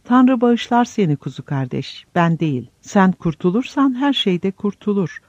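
A man voicing a dying, gentle old friar who speaks in soft, solemn farewells, in a slightly dull lo-fi audiobook recording. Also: sits high, very animated, moderate pace, no echo, pitched above the performer's own voice. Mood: tender farewell.

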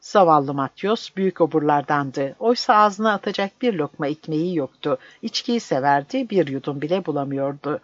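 An audiobook narrator reading a novel aloud in a steady, measured voice. The recording is dull and dry, with a muffled top end and no room around it. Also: medium pitch, no room sound. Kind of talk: scripted narration.

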